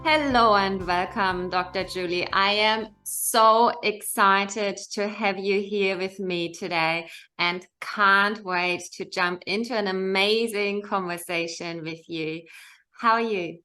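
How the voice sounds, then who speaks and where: A woman's voice: mid-range voice, fairly even intonation, takes it slowly, sharp tone. A woman hosting a podcast interview, effusive and full of praise for her guest. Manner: effusive, enthusiastic. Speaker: podcast host.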